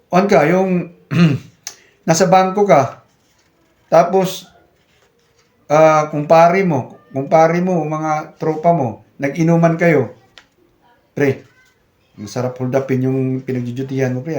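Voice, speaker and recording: A man's voice: fairly high pitch, a little mellow. A Filipino man who runs a channel, explaining security guard rules to viewers in a casual, conversational way. He keeps talking to viewers as guys, and he acts out short scenes as he goes. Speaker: YouTube channel host, security guard trainer.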